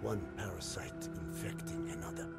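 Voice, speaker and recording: An actor playing a grave, weary old male scientist in a video game, solemn and halting, with a gravelly voice that sinks into breathy whispers. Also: a little high, expressive, over loud music.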